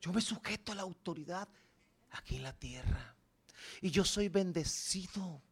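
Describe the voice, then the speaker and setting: A man's voice: sits high, lively intonation, normal speed, breathy edge. A man preaching a sermon, telling the story dramatically and asking the congregation questions. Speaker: pastor.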